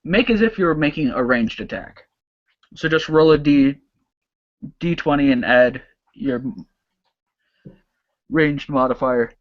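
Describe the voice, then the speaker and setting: A game master narrating a casual tabletop game, lively and halting, with many restarts. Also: mid-range voice, lo-fi sound.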